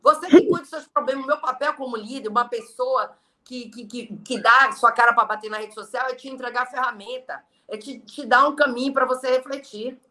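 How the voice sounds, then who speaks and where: A woman's voice: high-pitched, brisk, pushed and bright. A middle-aged woman with a Brazilian Portuguese accent, a guest giving blunt, emphatic motivational talk in an interview. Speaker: guest, entrepreneur and online leader.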